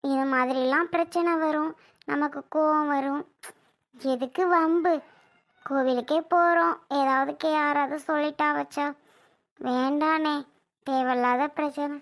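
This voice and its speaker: A woman playing a sharp-tongued younger sister. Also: high-pitched, steady tone. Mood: coaxing scolding. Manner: scolding yet coaxing, quick to snap. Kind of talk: family comedy skit acting.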